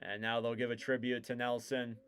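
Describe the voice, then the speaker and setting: A man giving casual live play-by-play commentary on a hockey game, getting louder and keener on the big plays. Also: mid-range voice, completely flat delivery, a little fast, clean tone.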